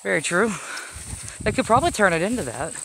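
A man's voice: sits high, sing-song, fairly quick, vocal fry, heavy background noise. A man casually commenting while walking through an overgrown abandoned park, recorded on a handheld camera. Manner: chatty, thinking aloud while exploring. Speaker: vlogger exploring abandoned places.

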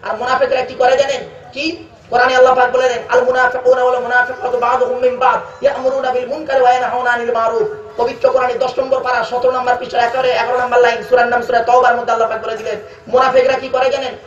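A man with a West Bengal Bengali accent preaching a waz sermon, calling listeners "baba" and chanting verses slowly. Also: very high voice, flat delivery. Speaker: preacher at a religious gathering. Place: outdoor religious gathering on loudspeakers. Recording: echoey, distant, dull public address sound.

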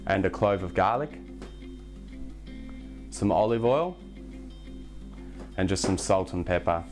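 A young man hosting a casual cooking demonstration in a home kitchen, relaxed and chatty, with self-deprecating asides. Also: low voice, slow pace. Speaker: cooking show host. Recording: background music under the voice. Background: music and pan sizzling.

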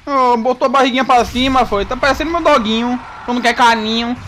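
A gaming YouTuber, giving lively live commentary while playing, yelping and teasing the enemy. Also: medium pitch, brisk, slight background noise. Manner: excitable, yelps and shouts at the game; talks to the enemy, playful teasing.

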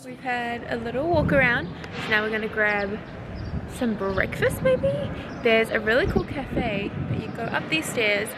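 A bubbly, giggly young vlogger from New Zealand chats casually to a handheld camera held at arm's length, out in the city and inside a car. Her fairly high voice is sing-song at normal speed, with background noise and music playing underneath.

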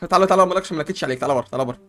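A man with an Egyptian accent, playing a barber in a comedic game role-play, joking and stammering in quick repeats. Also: fairly high pitch, a bit bright.

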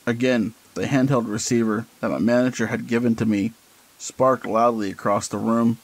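A man reading a horror story aloud as scripted narration, in a measured, deliberate way. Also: medium pitch, steady tone, slight background noise, rough recording.

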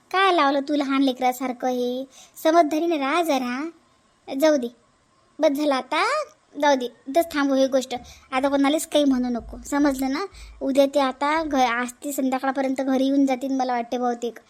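A woman voicing a calm elder sister-in-law in a cartoon, soothing and advising in a Vidarbha Marathi accent. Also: sits high, lightly acted.

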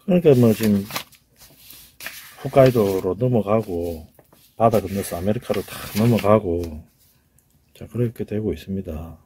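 A man's voice: fairly low pitch, moderate pace, pauses often, mellow, slight background noise. A man with a Gyeongsang Korean accent giving an informal lecture, emphatic, repeating key words and sounding them out.

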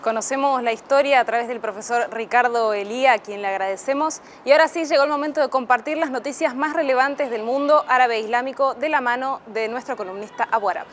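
A woman TV presenter reading a scripted link between segments in a brisk announcer's manner. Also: on the high side, soft background music.

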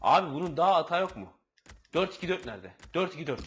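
A man's voice: a little high, animated, quick pace, fairly bright tone, slight background noise, poor audio. A man commentating his own football video game match, swearing, groaning and slipping into mock play-by-play. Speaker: gaming channel host. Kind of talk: gameplay commentary.

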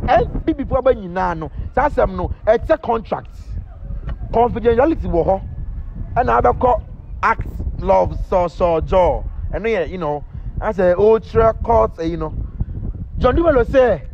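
A Ghanaian man hosts celebrity gossip in a very high, gravelly voice. He rambles playfully and stays animated. The recording sounds dull and lo-fi. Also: a little hiss or hum. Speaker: entertainment news host. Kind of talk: casual gossip commentary mixing English and Twi.

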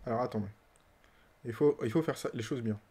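A man's voice: mid-range voice, fairly quick, a little mellow, husky, soft background music. Playful man streaming a game. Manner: playful, laughs often, talks to game characters. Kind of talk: casual let's-play commentary.

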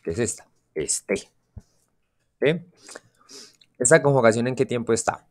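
With a medium-pitched, sing-song voice that is a little mellow, this man speaks a little slowly. He's an English teacher explaining grammar in class and keeps quizzing his students to make sure they're keeping up.

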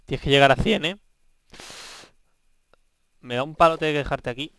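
Young man, Spain Spanish accent, let's play host; clear, bright voice; excitable, swears freely. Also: on the high side, moderate pace. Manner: excitable, swearing, bantering with game characters. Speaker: gaming video host.

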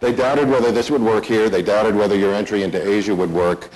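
A man interviewing on stage, asking questions in a halting way with many restarts. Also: on the low side, fairly even intonation, darkish tone, low-quality recording.

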